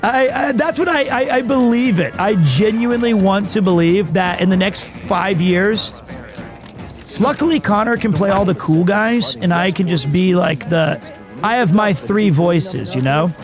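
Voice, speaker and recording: Male game streamer, lively and high-voiced, casual and playful, performative chat. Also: a little slow, soft background music. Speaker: streamer and voice actor.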